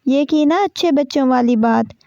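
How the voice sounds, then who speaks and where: A woman's voice: high voice, gravelly, mellow, dry recording. A woman voicing a tender, protective young husband who speaks in a soothing, reassuring way in a storybook reading. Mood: fond. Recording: dull, dry lo-fi recording.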